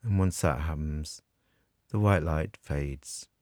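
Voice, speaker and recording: A man guiding a scripted meditation in a soothing, measured way with long pauses. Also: a bass voice, darkish tone, no room sound, clean studio sound. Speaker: meditation guide. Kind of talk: guided meditation narration, scripted.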